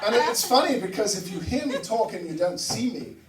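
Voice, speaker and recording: A man from Barbados doing a stand-up set, animated and swearing, with sudden loud outbursts. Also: high-pitched, brisk. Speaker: stand-up comedian. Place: comedy room with laughing audience. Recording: roomy echo, mic heard from a distance, noisy.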